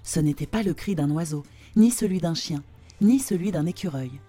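A woman narrating a storybook tale in a slow, expressive telling. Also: lowish voice, slightly rough, soft background music.

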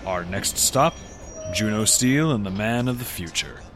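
A mysterious male train conductor in an audio drama. He is theatrical and ceremonious, speaking over prominent music and the rumble of a vehicle. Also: expressive, unhurried. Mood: inviting, mysterious. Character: courtly, mysterious train conductor welcoming a traveler.

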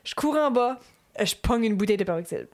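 A young woman with a Quebec French accent telling a story in casual chat, animated and mixing English words into her French. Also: fairly high pitch, brisk.

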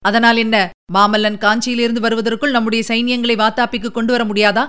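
A woman's voice: on the high side, level tone, fairly quick, fairly bright tone, clear, resonant tone, lightly acted. A woman voicing a proud male emperor in an audiobook, speaking in a stately, formal way. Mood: impatient. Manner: stately, formal, pleading then insistent. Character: proud middle-aged male emperor, commanding. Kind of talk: audiobook character reading.

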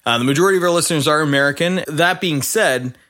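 Bright-voiced joking podcast co-host man. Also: fairly high pitch, fast. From Canada. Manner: jokey, playful banter. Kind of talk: casual podcast chat.

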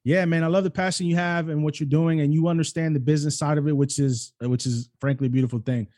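Speaking quickly in a fairly high voice, a middle-aged host from New York City and Cleveland, Ohio, leads a casual podcast interview. He is emphatic and animated, spinning stories as he talks.

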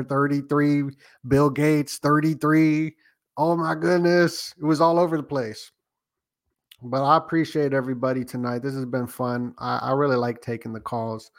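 Laid-back man hosting a call-in stream. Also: mid-range voice. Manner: laid-back, chatty, filler-heavy. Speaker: conspiracy channel host taking calls. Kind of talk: casual live call-in chat.

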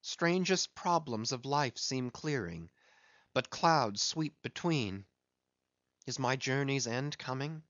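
A man voicing a grave, fearful first mate who murmurs low and breaks into urgent, high cries, on dull, dry audio. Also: animated, takes it slowly, a bit bright, no room sound. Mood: dread.

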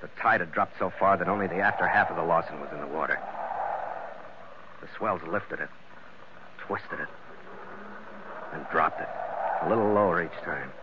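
An actor playing a tough, terse ship's skipper in a hard-boiled 1940s radio style. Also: male voice, low voice, normal speed, pauses often, natural voice. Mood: grim, measured. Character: tough, weary, decisive male ship's skipper. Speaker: lead actor and narrator. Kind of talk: 1940s radio acting with first-person narration. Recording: muffled, very noisy old radio recording.

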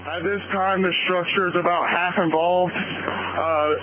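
A man's voice: high-pitched, fairly even intonation, measured pace, lo-fi sound, crowd noise. Urgent firefighter man on the radio. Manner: urgent, clipped procedural phrasing. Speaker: firefighter, incident commander on scene. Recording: fire radio transmission with music underneath. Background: music.

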